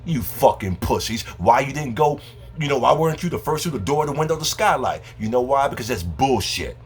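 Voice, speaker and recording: A man's voice: medium pitch, lively intonation, fairly quick. A man delivering a heated, profane monologue to camera as a video host. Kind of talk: angry ranting monologue.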